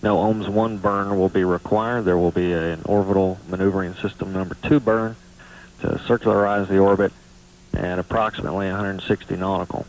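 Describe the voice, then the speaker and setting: A man with a fairly low voice delivers live mission commentary. He is measured and matter-of-fact, giving technical readouts as a launch announcer. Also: steady tone, darkish tone, rough recording. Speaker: NASA public affairs launch commentator.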